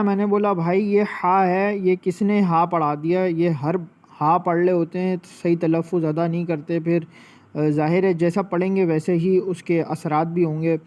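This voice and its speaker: A man who teaches children, telling a casual anecdote to viewers in a friendly, chatty way and slowly drawing out each Arabic letter as he corrects its pronunciation. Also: fairly high pitch, a little mellow. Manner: slow, drawn-out enunciation of Arabic letters.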